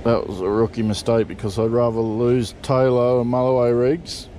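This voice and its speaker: A man's voice: mid-range voice, flat delivery, moderate pace, dark tone, slight background noise. A middle-aged Australian man chatting casually while rigging fishing gear at the back of a parked vehicle, swearing in an easygoing way, recorded on a body camera. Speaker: fishing vlogger. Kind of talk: casual how-to chat. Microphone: point-of-view body camera.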